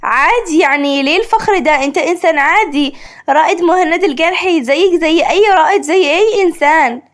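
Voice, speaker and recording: Woman reading as a feisty young woman engineer, Egyptian Arabic accent, sharp-tongued, very high pitch. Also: brisk. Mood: indignant.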